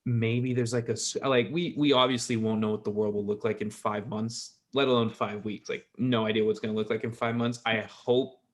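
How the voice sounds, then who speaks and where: A young man in his twenties with a lowish voice, chatting loosely with a friend on a podcast. He rambles, restarts his sentences and laughs easily. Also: fairly even intonation, moderate pace, few pauses. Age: 20s. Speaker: podcast host. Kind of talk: casual chat.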